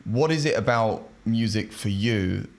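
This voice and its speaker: A man's voice: on the low side, measured pace, vocal fry. A man hosting a podcast, asking short, friendly questions of his guest. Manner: friendly, brief prompting questions. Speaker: podcast host. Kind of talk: scripted intro then interviewing.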